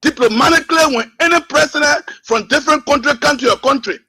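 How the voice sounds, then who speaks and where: A man's voice: very high voice, fast, pushed and bright, soft background music. A man from Liberia calling in to a radio talk show, arguing with rhetorical questions over a phone line. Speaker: caller. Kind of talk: call-in radio political commentary.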